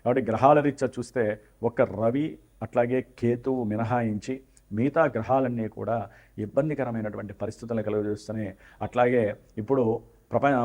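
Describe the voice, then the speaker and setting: A man's voice: mid-range voice, a little mellow. A man speaking as an astrologer, giving a forecast with earnest advice and formal devotional phrasing.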